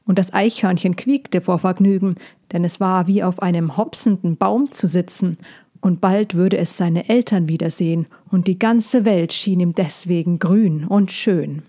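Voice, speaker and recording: A woman narrating a children's fantasy story in a slow, soothing reading. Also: lowish voice, warm tone.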